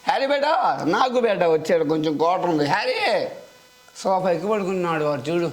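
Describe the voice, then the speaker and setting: A young man hosting a casual prank vlog at home, excitable and quick to repeat his words over and over. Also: high-pitched, low-quality recording. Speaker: prank video host. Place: at home indoors.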